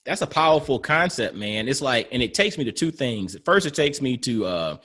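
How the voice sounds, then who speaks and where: A male podcast host speaks reflectively, grows animated as he makes his points, and murmurs agreement while his guest talks. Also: mid-range voice, moderate pace. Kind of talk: casual conversation.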